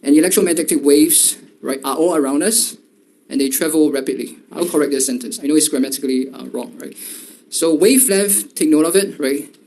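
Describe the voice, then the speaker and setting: A man's voice: on the high side, a little fast, creaky, darkish tone. A male lecturer giving a university lecture, talking in a loose way full of fillers and repeated "right?" checks.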